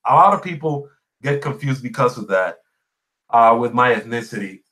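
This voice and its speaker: Replying to live viewer comments, a podcast host and small YouTuber chats casually in a mid-range voice with lively intonation, a moderate pace and a sharp tone. He comes from Puerto Rico, speaks Spanish as his first language with a Puerto Rican accent, and tells stories emphatically, repeating phrases for effect.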